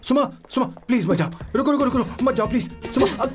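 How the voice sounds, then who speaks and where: Lovestruck young hero, emotional, very animated pitch, film dub. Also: male voice, normal speed, music in the background. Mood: pleading. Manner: emotional, pleading. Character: lovestruck young man defying his family.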